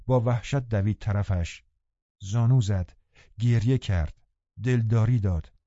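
A man narrating a classic novel in a calm, even storytelling manner. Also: lowish voice, dry recording, dull audio. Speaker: audiobook narrator.

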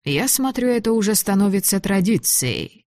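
A woman voicing a cold, mocking German officer who gives orders and jokes with ironic calm, in a storybook reading. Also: mid-range voice, moderate pace, no room sound, studio quality, voice pushed up, natural voice. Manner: smooth, ironic, commanding.

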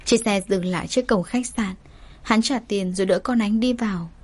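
A woman storyteller reading a dramatic tale in steady, even scripted narration. Her pitch sits in an ordinary middle range and the delivery stays measured. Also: slightly rough.

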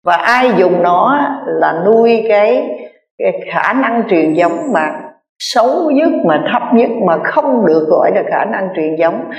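A Buddhist nun delivers an earnest sermon, repeating key phrases for emphasis and speaking straight to her listeners. Her mid-pitched voice rings through a roomy hall with a long, trailing reverb. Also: animated, unhurried. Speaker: Buddhist nun giving a dharma talk.

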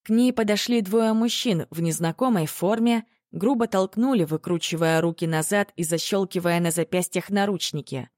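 A woman reading a story aloud as an audiobook narrator, in steady scripted narration. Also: on the low side, moderate pace, hardly any pauses, dry recording, clean studio sound.

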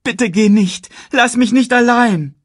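A man voicing Simba, an earnest young male lion who cries out in a high, emotional voice. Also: sing-song, slow, a bit bright, husky, no room sound, studio quality, exaggerated voice. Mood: pleading.

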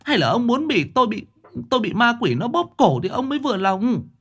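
A man voicing a frightened middle-aged woman in a ghost story, the chief's wife, begging in a high, trembling voice. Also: expressive, moderate pace, warm tone, slightly rough. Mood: shrill scolding.

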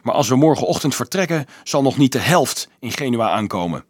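A hot-tempered teenage boy, shouting and snapping with a high cracking voice, as a male reader puts him on. Husky, dry audiobook sound, close to the mic, with wild swings in pitch. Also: big pitch swings, fairly quick, no room sound. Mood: angry. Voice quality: voice cracking with rage.

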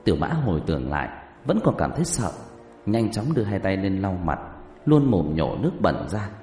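Male audiobook narrator, dark mellow tone, expressive storytelling, roomy echo. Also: deep voice, a little fast. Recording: roomy reverberant recording.

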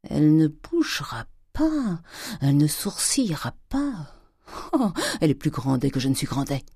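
A reader voicing a domineering, miserly old father who lurches from loud fury to hissed whispers. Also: medium pitch, big pitch swings, moderate pace, slightly rough, no echo, clean studio sound. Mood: raging. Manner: thundering, swinging from shouts to hissed whispers. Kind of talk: audiobook character reading.

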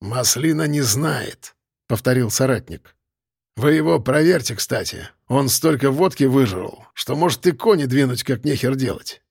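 A man voicing a sullen young street thug who talks low and grudgingly in slang. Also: animated, normal speed, creaky, a little mellow, breathy edge, no echo, clean studio sound. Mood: flat.

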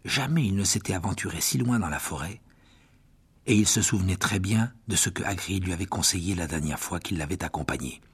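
A man's voice: sits low, expressive, a little fast, slightly rough. A man narrating a fantasy audiobook dramatically, often dropping to a whisper. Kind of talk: expressive audiobook reading.

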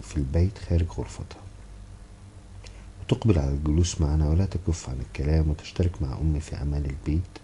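A man's voice: a bass voice, mellow, slight background noise. A man reading the lines of a sad sister who confides her family's troubles.

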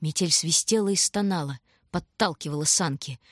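A woman reading a story aloud in scripted, measured and dramatic narration. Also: deep voice, no room sound, studio quality. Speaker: audiobook reader.

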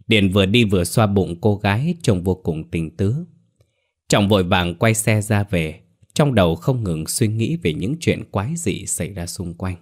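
Brief: male storyteller, low voice, even scripted ghost-tale narration.

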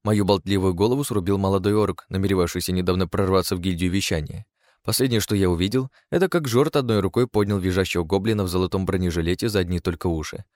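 A man reading a dark comic fantasy audiobook in a wry, deadpan first-person telling. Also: low voice, no echo, studio quality. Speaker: audiobook reader.

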